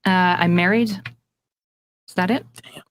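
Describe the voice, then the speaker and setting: A woman's voice: on the low side, steady tone, measured pace, a little hiss or hum. A woman in her twenties from Alberta, Canada, introducing herself as a podcast guest in an articulate way. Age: 20s. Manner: articulate, fills with "uh" and "kind of".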